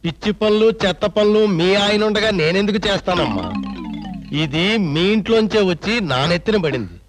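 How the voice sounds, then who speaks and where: Brief: higher-voiced sarcastic uncle, faint music underneath. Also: male voice, expressive, brisk. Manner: wry, scolding sarcasm. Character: sarcastic older uncle scolding the husband. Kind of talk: film comedy scene.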